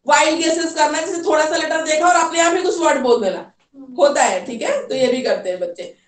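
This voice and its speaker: A woman lectures a class of trainee teachers in a high, clear voice, pausing often to check that everyone is following. She sounds distant from the mic, and her voice echoes around a hard classroom. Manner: explains with repeated "theek hai", mixes English terms. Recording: echoey room, voice from far off.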